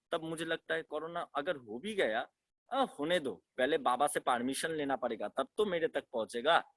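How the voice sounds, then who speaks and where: A young man speaks in a fairly high voice, recorded close and dry with no room sound. He tells his own story earnestly and emotionally, stumbling, restarting and repeating phrases as he goes. It sounds like heartfelt personal testimony. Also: a bit bright, dry recording. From West Bengal, India. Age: young adult. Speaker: devotee sharing his experiences.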